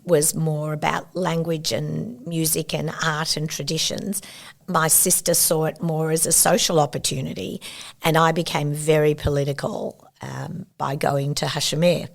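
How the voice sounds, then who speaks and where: An Australian woman in her seventies, with a low voice and vocal fry, thoughtfully tells her family's story as an interview guest. She recalls it slowly, adding warm asides, in reflective personal storytelling.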